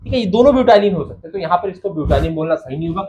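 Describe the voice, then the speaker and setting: A man's voice: high voice, animated, dark tone. A man teaching chemistry in a mix of Hindi and English, calling the students "bachcha" and asking questions he then answers himself. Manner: addresses students as "bachcha" and "babu", asks and answers own questions; counts carbons slowly while writing. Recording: dull lo-fi sound with faint noise.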